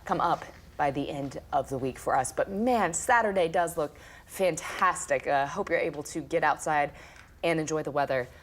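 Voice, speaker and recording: Weather lady on local tv, low voice, chatty and upbeat. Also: moderate pace. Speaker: TV weather forecaster. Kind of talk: live TV weather report and banter.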